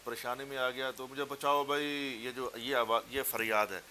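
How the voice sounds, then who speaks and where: A man with a Punjabi accent teaching a class, explaining step by step, repeating words and chanting verse slowly. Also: medium pitch, steady tone, pushed and bright, a little hiss or hum. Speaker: teacher of a Persian text class. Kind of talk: classroom lesson. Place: classroom with students.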